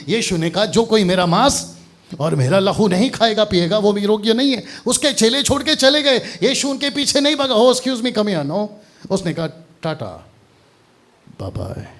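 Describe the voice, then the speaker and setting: Lively male preacher, slightly high voice, swooping pitch, quizzes and teases the congregation, drops English phrases. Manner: animated, teasing, asks the crowd questions; mixes English words into Hindi. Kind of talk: lively Hindi sermon at a seminar. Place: church seminar hall.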